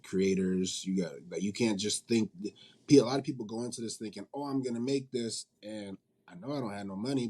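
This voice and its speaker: A man who runs an indie manga publishing company as CEO chats casually as an interview guest. He talks colloquially, repeating points for emphasis, in a mellow, husky mid-range voice.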